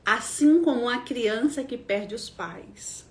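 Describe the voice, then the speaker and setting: A woman's voice: on the high side, takes it slowly. A Brazilian woman psychologist hosting a live stream, telling a personal story with feeling. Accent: Brazilian Portuguese. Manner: emotional storytelling, acting out quoted voices.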